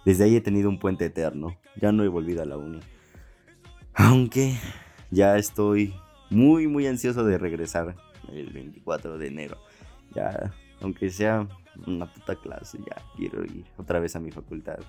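Young mexican dude ranting a story, cusses a lot, kinda low voice. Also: male voice, normal speed, warm tone, faint music behind. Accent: Mexican Spanish. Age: young adult. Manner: swearing, slangy, laughs often. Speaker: podcast host. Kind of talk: casual storytelling.

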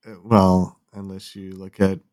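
A man hosting a casual gaming podcast, talking in halting starts and reading listener lists aloud. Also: deep voice, level tone, a little mellow. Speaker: podcast host.

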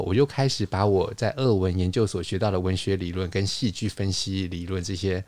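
Low-voiced man explaining at length. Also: a little mellow, no room sound. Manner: explanatory, lecturing with fillers and restarts. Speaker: podcast host, wine lecturer. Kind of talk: casual conversational podcast.

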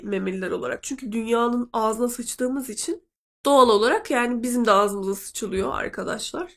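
Fighting a cold, this host from Turkey sounds nasal and stuffed up as she chats informally with listeners and translates a clip out loud. Her voice is medium in pitch with a fairly bright tone.

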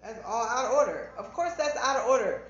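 A woman's voice: fairly high pitch, expressive, fairly quick, slight background noise. Blunt woman in a very echoey room. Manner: blunt and insistent, rhetorical questions. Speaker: podcast co-host. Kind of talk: casual chat. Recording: very echoey, dull podcast audio.

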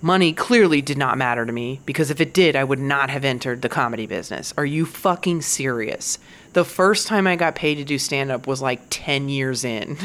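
A woman's voice: rumbling low, animated, normal speed, a bit bright. A woman comedian in her forties, talking in a candid, profane casual monologue and laughing now and then. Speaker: stand-up comedian.

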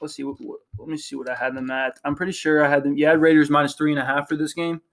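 In a casual sports chat, this young man, a podcast co-host, gives his football picks haltingly. He sounds slightly high-pitched yet monotone, and his speech is full of fillers, ums and restarts.

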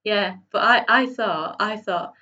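A woman's voice: medium pitch, slow, pushed and bright, muffled recording. A woman from Bradford with a West Yorkshire accent, chatting casually and self-deprecatingly as a podcast guest. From Bradford, northern England. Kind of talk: casual conversational interview.

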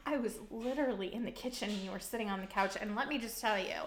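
A woman co-hosting a podcast, teasing and animated in casual storytelling. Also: medium pitch, fast talker, slight background noise. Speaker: podcast co-host. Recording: roomy echo.

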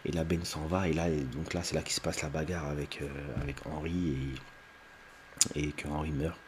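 A man with an extremely deep voice recaps a film for his video audience, loose and unscripted, stumbling through fillers and restarts. Now and then he jumps up in pitch to act out a character's line. A faint hiss runs under the recording. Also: little pitch movement, normal speed. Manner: rambling, many fillers and restarts; briefly acts out lines in raised voices. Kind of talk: unedited casual retelling.

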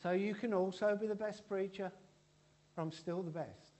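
A man delivers a loose, conversational sermon, joking with the congregation and stumbling through restarts. His voice sits a little high for a man but sounds mellow and warm. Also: fairly even intonation, moderate pace. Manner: chatty and joking, with frequent restarts. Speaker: preacher. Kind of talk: informal church sermon.

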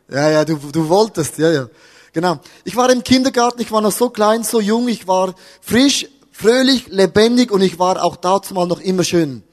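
Preacher, male, high voice, playful storyteller, live in a reverberant hall. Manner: humorous, talks to the audience with questions. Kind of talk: lively sermon with stories. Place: church hall with audience.

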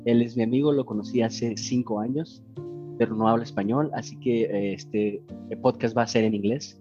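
A man's voice: mid-range voice, fairly even intonation, fast, lo-fi sound, over music. A man from Mexico with a Mexican accent, a native Spanish speaker hosting a podcast in a casual, chatty style. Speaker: podcast host. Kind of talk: casual chat.

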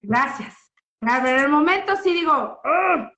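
A woman's voice: high voice, expressive, normal speed, sharp tone. A woman gives a heartfelt personal therapy testimony. She talks expressively and often checks in with tag questions. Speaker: guest giving a therapy testimony. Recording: muffled lo-fi audio.

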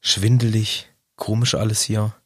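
A man's voice: fairly low pitch, flat delivery, measured pace, a bit bright, husky, no echo. Playful male co-host for a casual book-chat podcast, dry close recording. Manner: playful, joking.

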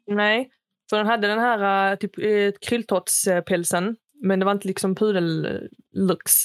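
Young woman, podcast co-host, animated storytelling, English phrases mixed in, dry sound. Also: medium pitch, clean tone, no room sound. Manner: animated retelling, acts out quotes in raised voice; mixes English phrases into speech. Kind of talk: casual chat, storytelling.

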